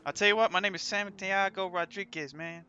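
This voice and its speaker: A man's voice: high voice, steady tone, a little fast, sharp tone, dull audio. A man playing a hot-tempered, cocky Mexican bank robber in a video game role-play, with a Latin American accent and swaggering gangster slang. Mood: defiant.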